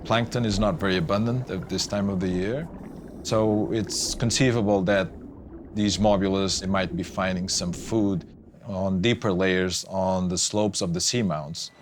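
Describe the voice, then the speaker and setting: A man's voice: sits low, steady tone, measured pace, noisy background. A man speaking as a marine researcher, explaining his work in an unscripted nature documentary interview. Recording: clear music under the voice. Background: music.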